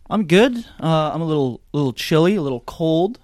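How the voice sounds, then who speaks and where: A man's voice: on the high side, lively intonation, normal speed, darkish tone. A man co-hosting a casual film podcast in an attic, hesitant and thinking aloud as he goes. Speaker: podcast co-host. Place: indoors in a chilly attic.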